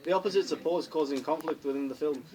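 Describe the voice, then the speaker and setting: A man's voice: fairly high pitch, fast talker. Teenage boy reading answers in a noisy classroom. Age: late teens. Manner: stumbling, frequent restarts while reading. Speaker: student answering interview questions. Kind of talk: reading prepared school answers. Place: busy classroom. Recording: noisy classroom with chatter behind.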